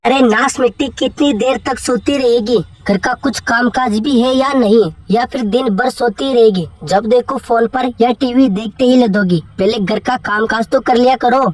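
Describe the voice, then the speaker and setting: A woman's voice: fairly high pitch, normal speed, few pauses, darkish tone, recorded from a distance, close to an everyday voice. A woman voicing a cruel, berating middle-aged mother in a cartoon story. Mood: scolding. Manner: harsh, berating.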